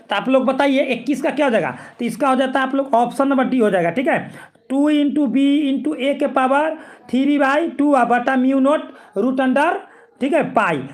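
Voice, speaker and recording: High-voiced man coaching exam physics. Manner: repetitive, coaxing, keeps checking students follow. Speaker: physics teacher. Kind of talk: exam-prep lesson.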